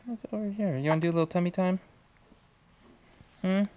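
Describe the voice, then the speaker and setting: A woman coaxing a baby in soft, sing-song baby talk in a home video, filmed with a handheld camera on a bed at home. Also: lowish voice, fairly quick. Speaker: parent talking to a baby. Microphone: handheld camera mic.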